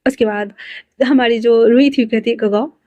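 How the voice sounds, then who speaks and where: A woman's voice: a little high, normal speed, no echo. Chatty woman narrating a story, dry close mic. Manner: chatty, breaks in with own excited asides. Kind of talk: casual fan-fiction narration with character lines.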